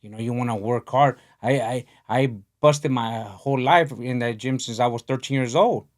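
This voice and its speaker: A man in his forties from Honduras, hosting a podcast, talking in a soft, earnest way in a studio. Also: medium pitch, normal speed. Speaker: podcast host, boxing coach. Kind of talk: casual interview talk. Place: podcast studio in a boxing gym. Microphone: desk podcast mic.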